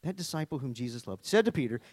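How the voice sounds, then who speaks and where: A middle-aged Arkansas man with a Southern US accent, working as a worship leader, delivers a conversational sermon that mixes scripture reading with joking asides. He talks fast in a mid-range voice, chatty and animated as he tells stories, and the recording has no echo.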